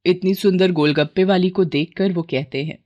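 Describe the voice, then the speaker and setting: A woman narrating a cartoon horror story in steady storybook style. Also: lowish voice, moderate pace, lo-fi sound. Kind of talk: scripted narration.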